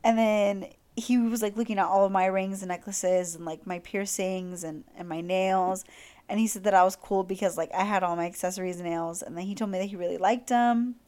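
A young woman hosting a podcast, telling a casual story in an excited, gushing way, full of "like" fillers. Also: medium pitch, a little fast. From Latin America. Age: young adult. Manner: gushing, heavy use of "like". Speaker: podcast host.

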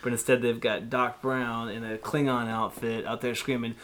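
A man's voice: mid-range voice, level tone, normal speed, fairly bright tone. Male podcast co-host, mid-range voice, chatty explainer of movie lore. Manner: explanatory, storytelling, laughs at his own jokes. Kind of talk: casual chat about movies.

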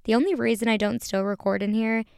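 A woman's voice: a little high, fairly even intonation, gravelly, a little mellow, clean tone, no room sound. A young adult woman hosting a casual chatty podcast, recorded inside a small home closet on a close mic. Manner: chatty, upbeat, reads lists quickly. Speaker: podcast host. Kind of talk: casual chat.

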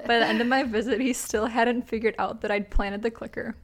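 A woman's voice: a little high, fairly even intonation, fairly quick. A woman co-hosting a casual podcast, reading listener stories aloud in an easygoing, chatty way and laughing often. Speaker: podcast co-host.

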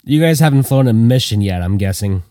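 A man voicing a friendly, confident male bomber crewman giving brisk, matter-of-fact advice. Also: mid-range voice, expressive, dark tone, no room sound, clean studio sound, close to an everyday voice. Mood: easygoing.

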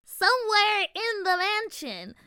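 A high, bright little fairy queen, played by a woman, fussing and squealing in a lively sing-song. The voice sits close and dry. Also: slow, no echo, heavily acted. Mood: fretful. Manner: fretful, squealing exclamations. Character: tiny flustered female fairy queen.

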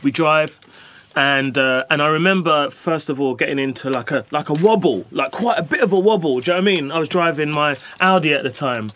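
A middle-aged man, a guest telling his story in a lively, casual way and often asking "you know what I mean". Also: fairly high pitch, brisk.

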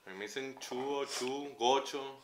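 A man's voice: medium pitch, unhurried, a crowd in the background. A Venezuelan man co-hosting a podcast, joking and playful, putting on voices in his stories. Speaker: podcast co-host. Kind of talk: casual chat.

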